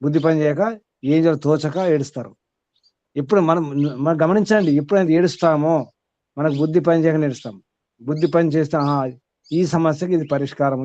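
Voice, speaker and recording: A man with a fairly high voice leads a spiritual discourse as a teacher. He quizzes his listeners, repeats his key words, and lets out a chuckle between points. The recording is dry and a little dull. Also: a little mellow, no room sound. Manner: repeats key words and asks the audience rhetorical questions. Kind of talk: question-and-answer spiritual discourse.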